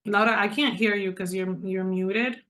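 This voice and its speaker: A middle-aged woman from the Dominican Republic speaks at a mid-range pitch, talking straight to her listeners as she presents a coaching program. She stays conversational and persuasive. The sound comes through a video call. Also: steady tone, normal speed, a bit bright. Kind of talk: online presentation to a group.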